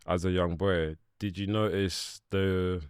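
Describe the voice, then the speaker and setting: A man's voice: deep voice, steady tone, takes it slowly, smooth, dry recording, studio quality. A man hosting a casual, conversational interview as a podcast host.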